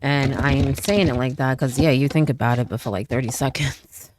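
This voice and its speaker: Over some background noise, a woman with a rumbling low voice does a casual tarot reading at a moderate pace. Slightly stuffy from a cold, she chats freely and keeps checking in with "okay?" and "right?".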